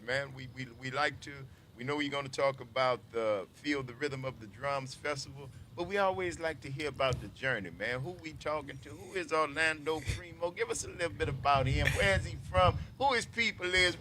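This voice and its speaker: A man's voice: mid-range voice, fairly quick, few pauses, crowd noise. A man co-hosting a radio talk show, laid-back and slangy as he greets and prompts the guest. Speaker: radio co-host.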